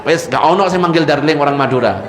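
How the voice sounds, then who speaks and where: A man's voice: fairly high pitch, a little hiss or hum. A young man preaching a humorous religious sermon, teasing his audience with questions. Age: young adult. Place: large hall with a live audience. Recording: echoey hall with audience laughter.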